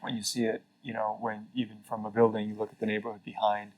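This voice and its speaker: A fast-talking former carbon registry CEO from Mexico, middle-aged, speaks as an interview guest in a casual conversation. His lowish voice is a little mellow with a completely flat delivery, and he is earnest and reflective, with frequent fillers and restarts. The recording is rough.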